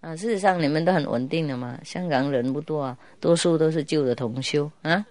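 A woman spiritual teacher giving a relaxed, playful talk to her students and telling stories, laughing often. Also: low voice, brisk, dry recording. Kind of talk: casual spiritual talk with storytelling.

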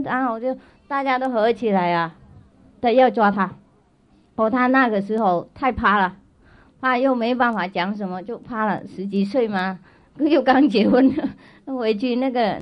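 A woman spiritual teacher telling a story to children in a chatty way, often repeating herself and asking if they follow. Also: medium pitch. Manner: chatty, checks in with listeners often; repeats and restarts phrases. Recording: dull lo-fi recording.

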